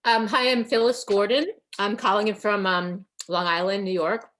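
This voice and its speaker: A woman's voice: mid-range voice, steady tone, normal speed, a bit bright. A woman from Massachusetts introducing herself on a video call, hesitant and searching for words. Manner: hesitant, light laughs. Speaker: workshop participant.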